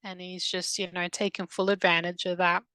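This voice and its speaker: A woman recounting a past-life regression under hypnosis, halting and hesitant, with many restarts, in a soft, subdued voice. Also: lowish voice, little pitch movement, clean tone, dry recording, rough recording. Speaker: hypnosis client.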